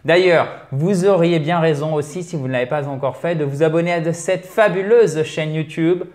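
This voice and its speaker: A man's voice: fairly high pitch, normal speed, darkish tone. A man hosting a language lesson, chatty and encouraging as he explains pronunciation with energy. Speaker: language teacher and host. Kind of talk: lively video lesson.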